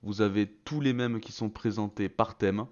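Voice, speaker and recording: A man's voice: on the low side, steady tone, normal speed, dull audio. A man narrating a tutorial in a casual, slangy and enthusiastic way. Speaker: video creator presenting a voice-changer tool.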